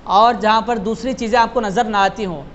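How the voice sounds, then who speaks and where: A man teaching Quran recitation to a class, explaining patiently and modeling each phrase slowly, often adding "hai na" to his sentences. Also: sits high, fairly even intonation, a bit bright. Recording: dull lo-fi sound with faint noise.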